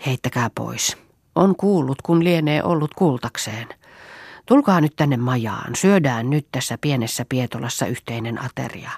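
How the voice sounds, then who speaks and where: A woman reading the part of a motherly, homely farm mistress in an audiobook, gently bossy and fond of proverbs. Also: extremely low pitch, slightly rough, dry recording, studio quality, full character voice.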